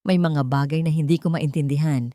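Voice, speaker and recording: A woman's voice: low-pitched, steady tone, brisk, mellow, dry recording, studio quality, lightly acted. A woman voicing a sympathetic, direct young friend. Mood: concerned.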